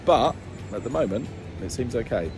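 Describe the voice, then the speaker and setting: A man's voice: medium pitch, lively intonation, normal speed, a little mellow, faint music behind. A British man chatting casually for a vlog about his own work, playful and jokey, slipping into silly baby-talk words. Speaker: car dealer filming a repair vlog.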